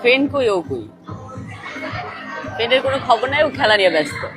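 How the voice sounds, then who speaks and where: A woman's voice: a little high, very animated, a little fast, over music, crowd noise. A young woman, narrating a casual family vlog and coaxing her son with short questions. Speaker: vlogger and mother.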